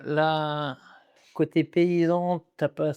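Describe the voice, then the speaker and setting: A man hosts a podcast, asking questions in a relaxed, slangy way and nudging his guest along. His voice sits a little high for a man, and the recording sounds dry and close. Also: drawn-out words, clean tone, dry recording. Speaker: podcast host, interviewer. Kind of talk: casual interview chat.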